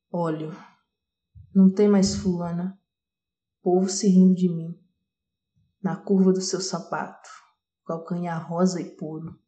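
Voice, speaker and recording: A woman giving a dramatic poetry recitation, lingering on single words with shifting loudness. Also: lowish voice. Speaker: poetry reader. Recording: roomy echo.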